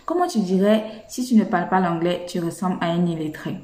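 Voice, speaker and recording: A woman's voice: on the low side, darkish tone. Teasing woman teacher in an echoey room. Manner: chatty, teasing, drills pronunciation slowly. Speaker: English teacher. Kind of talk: casual spoken lesson.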